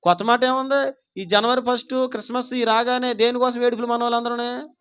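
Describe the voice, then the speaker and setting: Very high-voiced fervent male preacher. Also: steady tone, a little fast, fairly bright tone, smooth. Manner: fervent preaching with rhetorical questions to the congregation; acts out quoted pleas dramatically. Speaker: pastor. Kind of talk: Sunday worship sermon. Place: church service.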